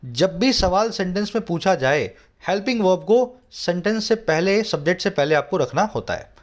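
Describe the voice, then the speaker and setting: High-voiced Indian English tutor. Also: male voice, animated, moderate pace. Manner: explains word by word, checks with listeners. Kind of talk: editorial reading lesson.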